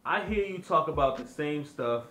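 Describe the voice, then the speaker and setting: A man's voice: a little high, lively intonation, normal speed, fairly bright tone, faint music behind. A man interviewing a guest casually, prompting him and summing up his stories. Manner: laid-back, sums up and prompts.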